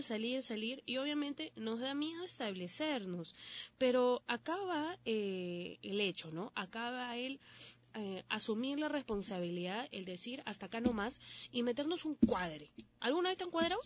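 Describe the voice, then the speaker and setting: Lively young Peruvian woman giving advice. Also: on the high side. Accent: Peruvian Spanish. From Peru. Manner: lively, full of rhetorical questions and local slang. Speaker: relationship advice vlogger. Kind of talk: casual advice talk to viewers.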